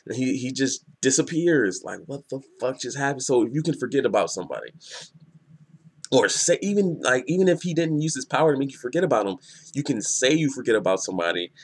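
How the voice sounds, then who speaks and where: A man giving a casual spoken review of a comic chapter, excitable and rambling, often restarting his sentences. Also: mid-range voice, fast, husky. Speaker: manga reviewer.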